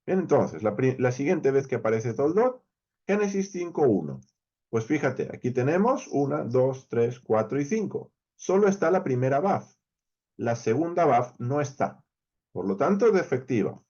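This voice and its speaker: A man's voice: mid-range voice, big pitch swings, normal speed, warm tone, highs cut off. A man with a Spain Spanish accent, teaching a verse-by-verse Hebrew Bible lesson. He explains step by step, counts letters aloud and checks in often with his listeners.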